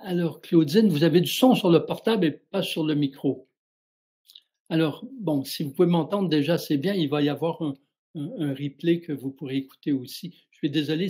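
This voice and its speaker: A middle-aged man speaks as a spiritual guide on a live show, answering questions from his audience. His voice is mellow and a little husky. He talks calmly and reflectively, addressing each listener directly. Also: a little high.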